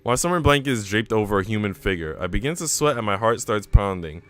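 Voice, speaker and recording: A game streamer live-streams a visual novel, reading it aloud and chatting casually with slangy asides. His lowish voice is expressive and fast, and there's music in the background.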